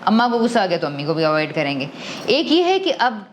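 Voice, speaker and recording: With a medium-pitched, very animated voice and slight background noise, a woman speaks as a podcast guest on emotional wellbeing. She's an adult parent who explains conversationally and thoughtfully, inserting English terms and often restarting what she's saying.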